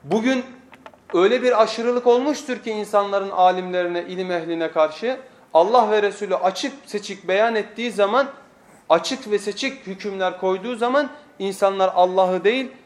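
High-voiced man preaching at a pulpit microphone. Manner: emphatic, repeats phrases and asks the congregation rhetorical questions. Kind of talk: weekly sermon lesson.

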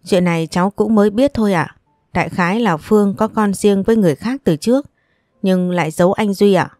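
A woman's voice: medium pitch, brisk, darkish tone, no room sound, natural voice. A woman narrator playing a scheming young woman in an audio story, her voice choked and pleading with fake tears. It is read close and dry over faint music. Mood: polite.

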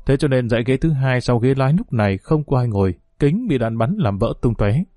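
Male audiobook narrator, steady and mellow, dry close recording. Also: mid-range voice, a little fast, no room sound.

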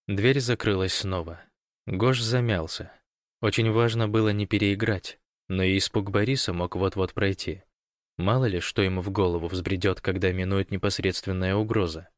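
A man narrating an audiobook in an even, measured reading. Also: low voice, no echo, clean studio sound.

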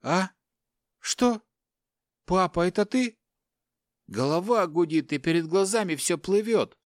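A man voicing a panicking young man held captive, talking high and agitated. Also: expressive, takes it slowly, no room sound, studio quality. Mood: dazed. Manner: high-pitched, shouting, agitated.

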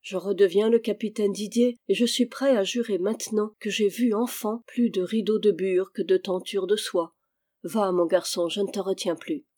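A woman calmly reading a classic adventure novel aloud as an audiobook, giving the dialogue light voicing. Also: medium pitch, moderate pace. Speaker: audiobook reader.

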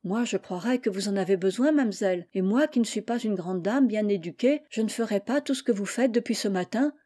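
A woman's voice: medium pitch, animated, brisk, mellow, lightly acted. Woman voicing a blunt peasant bride. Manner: blunt, outspoken country talk. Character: frank, spirited peasant bride at a village wedding.

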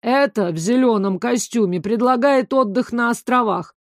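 A woman's voice: on the high side, moderate pace, no echo, clean studio sound, lightly acted. A woman voicing a prim, easily embarrassed young man in an audiobook, speaking in an exasperated, pleading way. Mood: weary pleading.

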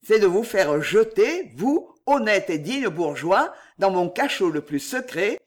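Audiobook figure: an agitated noble prison governor, lively and high-pitched, as read by a man. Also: unhurried, heavily acted. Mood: suspicious. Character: suspicious, then fearful male fortress governor.

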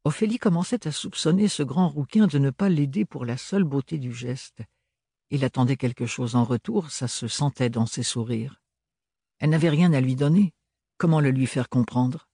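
A man reading a novel aloud as an audiobook in a measured, expressive storytelling manner. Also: mid-range voice, creaky, breathy edge, dry recording, clean studio sound. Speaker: audiobook reader. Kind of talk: scripted audiobook narration.

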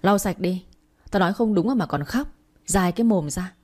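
A woman's voice: lowish voice, expressive, moderate pace, a little mellow. A woman reading a story, voicing a cruel, two-faced young woman who scolds a child harshly. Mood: harsh scolding.

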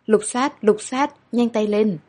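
A woman's voice: medium pitch, moderate pace, a little mellow, husky, lightly acted. A woman playing a rude, impatient young male soldier leader in a spoken story. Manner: rude and blustering.

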